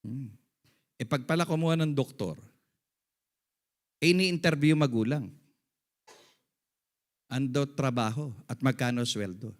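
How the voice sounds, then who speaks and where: A man's voice: unhurried, pauses often. A middle-aged man preaching as a pastor, mixing English phrases into his sermon and calling for "Amen" from the congregation. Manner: swings between quiet, low asides and loud, high-pitched emphasis. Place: church service.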